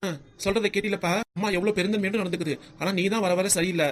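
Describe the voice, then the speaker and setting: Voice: medium pitch, steady tone, fast, close to an everyday voice. A performer voicing a loyal young son who argues earnestly for his mother in a cartoon comedy. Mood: arguing. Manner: earnest, arguing.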